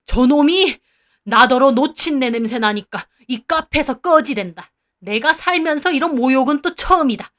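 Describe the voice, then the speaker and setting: A woman's voice: high voice, expressive, a bit bright. A woman voicing a stern, angry grandfather. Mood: indignant. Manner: slow, stern and scolding. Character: proud, angry old grandfather who owns the building.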